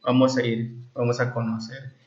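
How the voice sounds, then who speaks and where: A medium-pitched, monotone man from Valladolid, Yucatán, Mexico speaks at a moderate pace while teaching an informal class with translated examples. He explains phrases and keeps checking that listeners understand. The recording is dull, lo-fi, and echoey.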